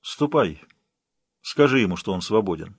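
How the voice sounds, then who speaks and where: A man reading an audiobook, voicing a jealous Viking chieftain who shouts, then turns cold and harsh. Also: fairly low pitch, lively intonation, moderate pace, husky, dry recording. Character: fierce Viking chieftain, jealous and hot-tempered.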